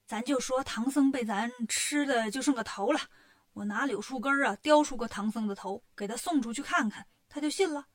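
A woman's voice: fairly high pitch, a little fast, natural voice. A woman voicing a sly, scheming male wolf demon who talks in a wheedling way in a storybook tale.

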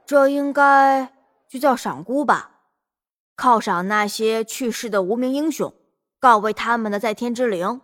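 A woman's voice: a little high, unhurried. Woman voicing a confident young boy. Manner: calm, self-assured, righteous. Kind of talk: storybook role reading.

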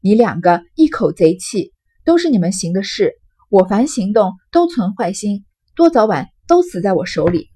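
A woman's voice: mid-range voice, big pitch swings, moderate pace, warm tone, husky. A woman reading a blustering young nobleman. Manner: blustering, boastful.

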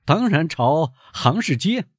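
A man reading aloud, voicing a calm, shrewd young gentleman who teases and bargains. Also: fairly high pitch, slow, no room sound, clean studio sound, voice pushed up, heavily acted. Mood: matter-of-fact. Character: young gentleman, calm, knowing, quick-witted.

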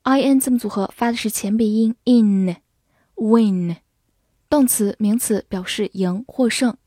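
Calm, dry-voiced woman teaching vocabulary. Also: medium pitch, breathy edge, no echo. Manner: spells words letter by letter and reads example sentences slowly. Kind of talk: scripted vocabulary lesson.

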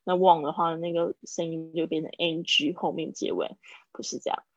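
A woman runs a live online English class in a low, gravelly voice, patiently breaking each phrase down and repeating it slowly. The sound is dull and lo-fi, with a dry, close computer-mic feel and no room echo. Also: little pitch movement. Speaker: English teacher. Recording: dull lo-fi dry stream audio.

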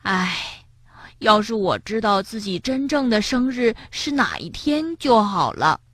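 A woman voicing a gentle young male frog in a storybook, speaking softly with sighs. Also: mid-range voice, big pitch swings, measured pace, no room sound. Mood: sad. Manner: soft and sighing.

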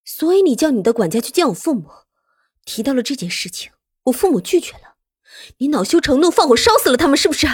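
A man doing a shrill furious young woman. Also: very animated, fast talker. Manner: shrill falsetto shouting. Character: young woman, furious, accusing, grief-stricken orphan.

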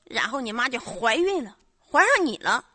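A woman's voice: fairly high pitch, sing-song, sharp tone, breathy edge, no room sound. A woman, a comic stage performer telling a bawdy story in teasing, mocking banter. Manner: teasing, mocking, brisk punchy delivery.

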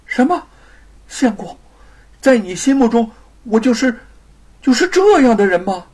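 A man putting on a husky young wife's voice. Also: high-pitched, huge pitch swings, measured pace, darkish tone, pitched above the performer's own voice, heavily acted. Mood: hurt. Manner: pleading and emotional. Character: devoted young wife, tender and earnest.

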